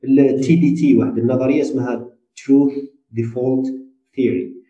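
A man's voice: medium pitch, steady tone, moderate pace, warm tone. A man with an Algerian accent explaining ideas in a casual discussion, slipping English terms into his speech. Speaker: discussion participant. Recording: distant, roomy, dull lo-fi.

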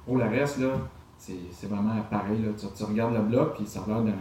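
A man's voice: lowish voice, steady tone, a little fast, dark tone. A man with a Québécois French accent in casual podcast chat, speaking in a colloquial, slangy way. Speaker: podcast co-host. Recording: echoey room, faint noisy ambience.

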